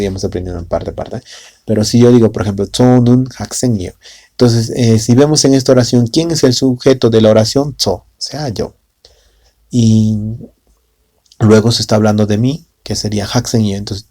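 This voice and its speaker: A man's voice: on the low side, mellow, no echo, clean studio sound. A man teaching a language lesson in a casual way in Spanish with a Latin American accent, often adding tag questions and fillers.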